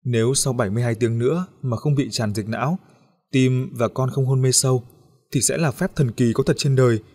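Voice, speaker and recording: A grieving doctor speaks quietly and gravely, as the narrator voices him. The tone is husky and sits at a middle pitch. It comes from a spoken storybook. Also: male voice, brisk, close to an everyday voice. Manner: grave, subdued.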